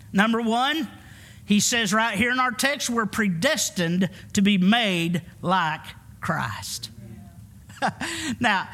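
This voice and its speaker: In church, a pastor in his fifties delivers a sermon with emphasis, drawing responses from the congregation call-and-response fashion. His voice is high, pushed and bright.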